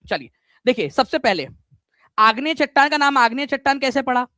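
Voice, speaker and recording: Here a man runs a live online exam-prep class, energetic and repetitive, questioning his students and inserting English words. He has a very high voice and a brisk pace, and the recording is dry.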